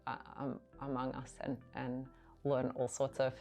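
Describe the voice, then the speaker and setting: Aussie woman, lowish voice, friendly and steady, faint music under it. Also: unhurried, creaky. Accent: Australian. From Australia. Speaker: IT project specialist. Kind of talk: corporate interview. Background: soft music.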